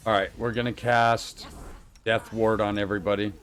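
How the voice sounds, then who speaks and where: Male game streamer with a lower-register voice, muttering casually through live play commentary and on-screen text. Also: level tone, moderate pace, a bit bright, faint music behind. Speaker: streamer playing a role-playing game.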